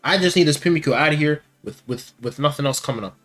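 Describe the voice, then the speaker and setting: A young man giving live commentary on his card game, muttering one moment and yelling taunts the next, repeating his hype lines. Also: a little high, fast talker, faint music behind. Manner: hype, repeats taunting phrases, swings from quiet muttering to shouting. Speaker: gaming channel host. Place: home gaming setup with monitor.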